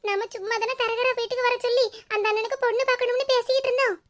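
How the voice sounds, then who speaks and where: A woman voicing a kind, earnest young woman in an animated cartoon, with a Kanyakumari Tamil accent. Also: very high voice, very fast, soft background music.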